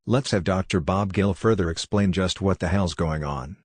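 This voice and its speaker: A man's voice: deep voice, normal speed, slightly rough, no room sound. A man delivering an indignant, campaigning commentary voice-over. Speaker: channel narrator.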